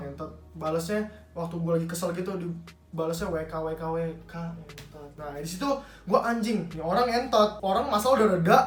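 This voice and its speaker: Fast, profane young man ranting. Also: high voice, far from the mic. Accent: Jakarta slang. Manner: angry, profane, rapid ranting. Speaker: YouTuber. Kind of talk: ranting commentary vlog. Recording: roomy echo, slightly off-mic.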